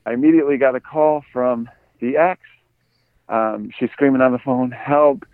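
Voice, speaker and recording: A man's voice: medium pitch, normal speed, no room sound. Laid-back man, tinny dry podcast audio. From United States. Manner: laid-back, chuckles through his story. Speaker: podcast co-host. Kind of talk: casual storytelling.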